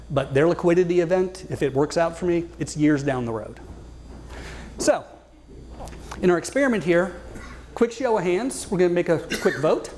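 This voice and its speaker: Man, fifties, slightly high voice, wry, conversational, live storytelling talk, asks the audience questions. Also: a little mellow, a little hiss or hum. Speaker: guest speaker.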